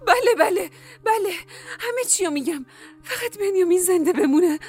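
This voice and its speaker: A woman's voice: very high voice, expressive, darkish tone, soft background music. An actor voicing a wounded young woman in an audiobook, crying and pleading in screams.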